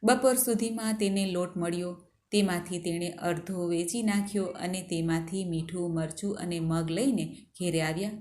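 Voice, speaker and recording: A woman narrating a devotional fasting tale in a steady, storytelling reading. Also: on the low side.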